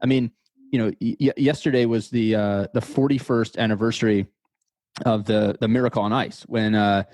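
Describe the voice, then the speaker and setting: A man's voice: fairly low pitch, steady tone, moderate pace, a little mellow, dry recording. A man in his thirties from the United States, a podcast guest talking in a casual interview, thoughtful and often repeating words as he thinks. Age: 30s.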